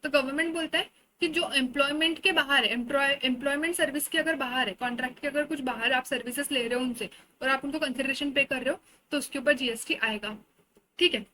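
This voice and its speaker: A woman's voice: high voice, fast talker, bright, forceful tone, rough recording. A woman with an Indian accent giving an exam-oriented lecture, explaining in a conversational way with everyday examples. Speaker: teacher.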